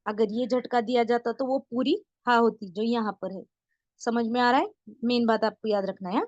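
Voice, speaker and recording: A woman teaching an online beginner Urdu writing lesson, patient, repeating words slowly and often checking that her students follow. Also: on the high side, fairly even intonation, a little mellow, no echo, highs cut off. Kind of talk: online beginner lesson, explaining letters step by step.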